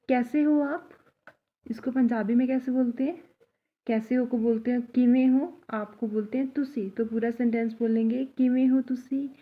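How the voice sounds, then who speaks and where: A woman giving a casual language lesson, saying example sentences slowly and deliberately before explaining them. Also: on the high side, highs cut off. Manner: slow, deliberate when modeling example sentences. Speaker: language teacher.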